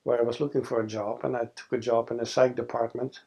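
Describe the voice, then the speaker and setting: A man from the Netherlands in his sixties talks fast and flatly, his medium-pitched voice warm with vocal fry, in a low-quality recording. A scientist with a Dutch accent, he reflects in an oral history interview with many fillers and restarts. He is on a lapel mic in a studio with a backdrop.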